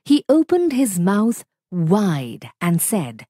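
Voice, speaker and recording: A woman reading a fable aloud for learners, slow, lively and clearly paced. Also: medium pitch, no echo, studio quality. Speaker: storyteller.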